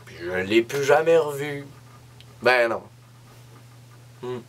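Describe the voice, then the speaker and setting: A young man with a Québécois French accent telling a comic story as a monologue, jumping into high voices when he imitates people. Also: expressive, takes it slowly, slight background noise. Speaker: comedic storyteller.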